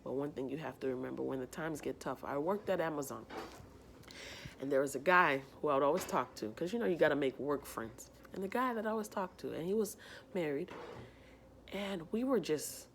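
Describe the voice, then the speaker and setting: A woman's voice: low-pitched, brisk, gravelly, a little hiss or hum. A woman in her twenties sharing a heartfelt, rambling personal reflection in a vlog. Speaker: vlogger.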